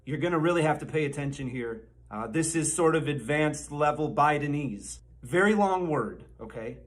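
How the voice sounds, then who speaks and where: A man hosting a comedy channel, sarcastically teaching mock words and drawing them out slowly. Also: fairly high pitch, animated. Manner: sarcastic, slow over-enunciation. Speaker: channel host. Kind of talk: mock-lesson commentary.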